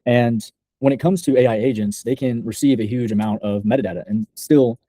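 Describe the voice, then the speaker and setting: Young man, soft mellow tone, dry close sound, measured demo narration, slightly halting. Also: mid-range voice, no echo. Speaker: software developer presenting a project.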